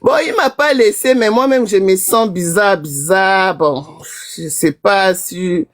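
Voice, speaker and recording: Taking things slowly in a mid-range voice, a female caller shares her confession on a live stream. She keeps it chatty and laughs a lot.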